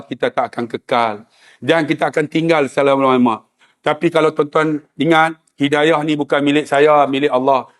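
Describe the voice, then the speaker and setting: A man with a northern Malaysian Malay accent giving a humorous sermon, telling stories with animated delivery and addressing the audience directly. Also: fairly high pitch. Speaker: preacher. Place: mosque or lecture hall.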